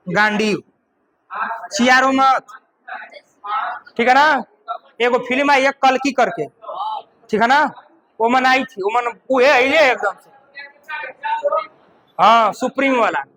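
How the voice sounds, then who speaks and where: High-pitched man teaching grammar. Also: fairly bright tone, rough recording. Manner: repeats points and asks the class questions; mixes in Bhojpuri-style dialect. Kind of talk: classroom lecture.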